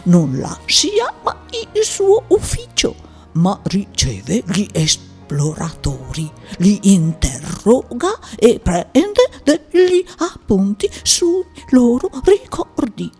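A performer voicing a pompous, self-important old male geographer who lectures slowly. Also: medium pitch, wildly swooping pitch, darkish tone, breathy edge, soft background music, heavily acted. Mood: lecturing.

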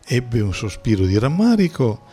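A man narrating a storybook in a measured, storytelling manner. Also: mid-range voice, big pitch swings, dark tone, soft background music. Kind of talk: scripted audiobook narration.

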